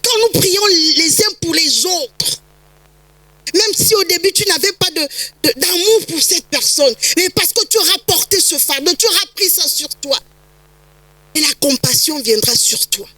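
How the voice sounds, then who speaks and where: A woman pastor delivers a sermon in a high, bright voice, repeating phrases and building to emphatic peaks. The sound is close and dry, with no room around it. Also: animated, unhurried, no echo, rough recording. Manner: emphatic preaching, rising to shouts, frequent repetitions.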